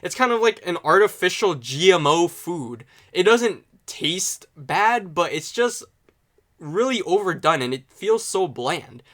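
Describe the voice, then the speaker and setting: A man's voice: high voice, animated, measured pace, fairly bright tone. A young man giving a casual, rambling opinion monologue as a YouTube commentator, sarcastic and self-mocking.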